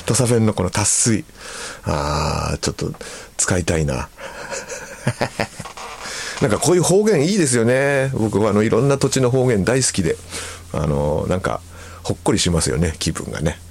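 Male radio host with a lowish voice, easygoing, chuckling through listener mail. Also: gravelly. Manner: relaxed, chuckles often, comments between letters. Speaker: musician. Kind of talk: casual radio talk with letter reading.

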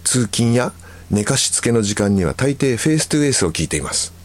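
A man hosting a radio show, reading listener letters aloud and chatting about them in a relaxed way with frequent chuckles. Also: mid-range voice, a little fast. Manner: relaxed, chuckles often, comments between letters. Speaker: musician.

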